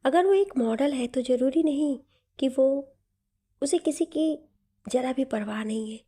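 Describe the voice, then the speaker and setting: A woman's voice: high-pitched, measured pace, dark tone, slightly rough. A woman voicing a shy, stubborn young man in a story, sounding sulky and defensive. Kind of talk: storybook narration.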